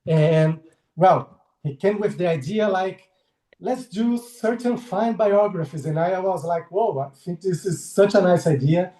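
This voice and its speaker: In a casual interview over video call, a guest illustrator from Brazil, a man in his forties with a Brazilian Portuguese accent, comes across as friendly and hesitant and laughs a lot. He speaks at a measured pace in a high, mellow voice, and the sound is roomy.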